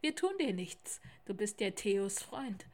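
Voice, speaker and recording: A woman voicing a gentle, reassuring female tiger mother in a storybook reading. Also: medium pitch, sing-song, slow pace. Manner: soothing, reassuring.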